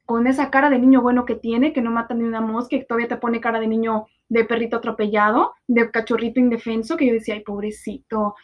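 A woman's voice: fairly high pitch, level tone, fast, hardly any pauses. A Mexican woman in her twenties hosting a podcast, talking bluntly and sarcastically and swearing freely in a casual confessional monologue. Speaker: podcast host. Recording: dull lo-fi recording.

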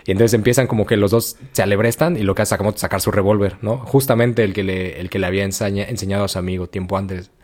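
A young man with a Mexican Spanish accent, telling a story in a slangy, animated, casual podcast chat. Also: lowish voice, fast, few pauses. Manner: slangy, animated, acts out quotes. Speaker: podcast host.

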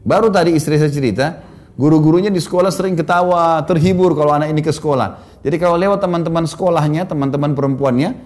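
A male preacher speaks to his congregation in a relaxed storytelling sermon. He drifts between low, quiet asides and bright, high bursts when a story amuses him. He often chuckles through his anecdotes. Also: quick pace.

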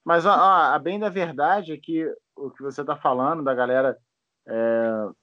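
A man's voice: fairly high pitch, normal speed, dry recording. Rambling Brazilian man, dry lo-fi sound. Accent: Brazilian Portuguese. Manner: rambling, restarts a lot, swears casually. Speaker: podcast host. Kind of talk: casual chat.

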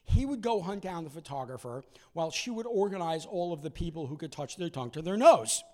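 A man in his sixties telling a personal story in an animated way, acting out voices and moments from it. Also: fairly high pitch, brisk.

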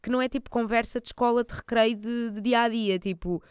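Clear-voiced Portuguese woman chatting casually. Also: a little high, fairly even intonation, fairly quick, a little mellow, no echo, studio quality. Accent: European Portuguese. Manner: chatty, slangy, mimics dialogue in asides. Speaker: commentator reviewing a TV series. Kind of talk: casual humorous commentary.

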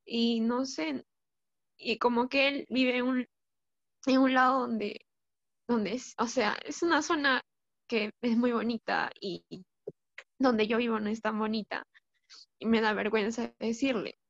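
Young woman caller, halting and unsure, slightly high voice with gravelly fry, dull dry call audio. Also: fairly even intonation, no room sound. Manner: hesitant, halting. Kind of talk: call-in advice chat. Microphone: video call.

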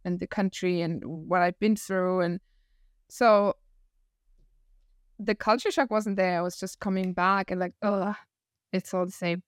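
A woman in her thirties with a northern German accent, a podcast guest telling her story in a reflective, animated way. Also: on the low side, measured pace, long pauses, clear, resonant tone, no echo, clean studio sound. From northern Germany, near Hamburg. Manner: reflective, animated storyteller who laughs often. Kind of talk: casual interview conversation.

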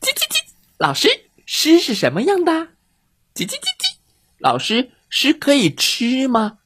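A man's voice: huge pitch swings, a bit bright, slightly rough, dry recording, studio quality, full character voice. A man voicing a group of naughty little chicks for a children's bedtime story, chirping and squealing. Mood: cheeky. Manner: high chirping, fast squeals. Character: shrill squeaky little chicks, cheeky and noisy.

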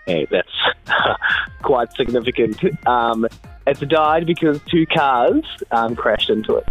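A man's voice: medium pitch, animated, slow pace, fairly bright tone, husky, low-quality recording. A man with a New Zealand accent giving casual, humorous news chat in an informal, giggly, hesitant storytelling way. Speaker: radio news segment correspondent. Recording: faint music behind. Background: music.

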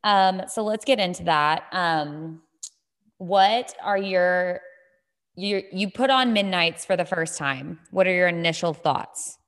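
A woman with a fairly low voice hosts a casual podcast. She talks in a chatty, conversational style. The sound rings with the long echo of a gym. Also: slow pace, fairly bright tone. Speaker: podcast host. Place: indoor gym with strong echo. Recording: echoing gym, long reverb.

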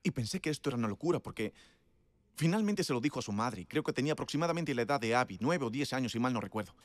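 A man's voice: medium pitch, lively intonation, very fast, no echo. A man preaching a sermon in a conversational storytelling way, emphatic and laughing often.

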